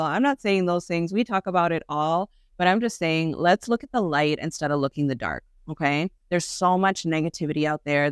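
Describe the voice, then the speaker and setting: A woman's voice: deep voice, no echo, studio quality. A woman hosting a podcast, talking in an effusive, gushing way and addressing listeners directly as queens. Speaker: podcast host and small business owner. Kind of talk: casual motivational podcast monologue.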